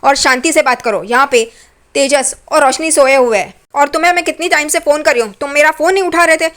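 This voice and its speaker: A woman's voice: high-pitched, fast talker, a bit bright. A woman doing an exasperated scolding wife. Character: angry weary young wife, scolding in hushed tones.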